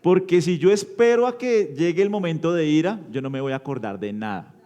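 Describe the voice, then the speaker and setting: A man preaching an interactive sermon in a church, asking the congregation questions and answering them, shifting from loud emphatic bursts to low quiet endings. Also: lively intonation, brisk, highs cut off. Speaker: pastor.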